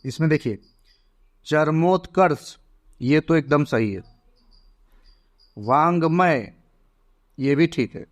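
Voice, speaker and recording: A man teaching an exam prep lesson, slowly spelling out words one by one. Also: medium pitch, muffled recording.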